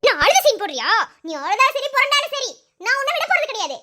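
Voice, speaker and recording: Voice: very high-pitched, big pitch swings, fast talker, pushed and bright, full character voice. A voice actor playing a bossy, teasing young woman in a cartoon who mocks and scolds her boyfriend. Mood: scolding. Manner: mocking, scolding, laughing while she taunts. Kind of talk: cartoon voice acting.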